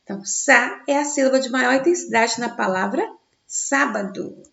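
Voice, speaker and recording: Brazilian lady teacher doing a kids' grammar class, kinda high and gravelly, dull echoey room. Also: a bit bright. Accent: Brazilian Portuguese. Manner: slow, stressed syllables when sounding out words; asks the class questions and answers them herself. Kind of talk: recorded grammar lesson for children.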